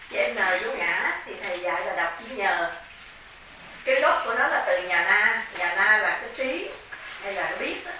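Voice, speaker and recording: Buddhist nun lecturing in an echoey hall. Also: female voice, mid-range voice, sharp tone. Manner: measured, explanatory, spelling out terms. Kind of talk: dharma lecture. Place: large temple hall. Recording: echoey hall, distant mic, faint hiss.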